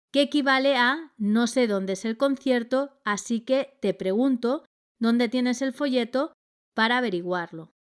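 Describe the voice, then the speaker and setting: A woman reading a scripted grammar lesson in a measured, clear delivery. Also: on the high side. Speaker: grammar teacher.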